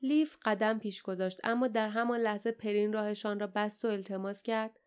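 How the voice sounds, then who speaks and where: A woman reading an audiobook in an even, measured storytelling manner. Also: mid-range voice, smooth, soft background music. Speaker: audiobook narrator. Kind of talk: scripted audiobook narration.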